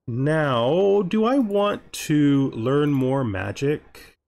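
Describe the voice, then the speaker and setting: Over background music, a man hosting a gaming video plays a strategy game and casually talks himself through it. His voice is fairly high, creaky, and darkish, and he sounds animated, stretching out his words.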